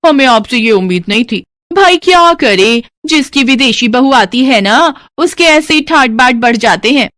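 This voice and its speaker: A woman voicing a nosy, mocking middle-aged neighbor woman who drawls slowly in a high voice. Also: lively intonation, a bit bright, no room sound, studio quality.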